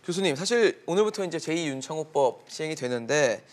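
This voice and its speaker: Fast-talking guy anchor on a news show, bouncy pitch. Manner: lively, quick questioning. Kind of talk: studio interview questions. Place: TV studio.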